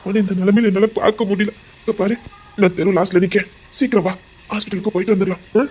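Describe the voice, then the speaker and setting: A man's voice: sits high, fairly even intonation, fast, darkish tone, breathy edge. An actor playing a guilt-ridden young husband with a Tirunelveli Tamil accent, coaxing urgently, his voice choked with remorse. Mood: anguished coaxing. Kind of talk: melodramatic web-series acting.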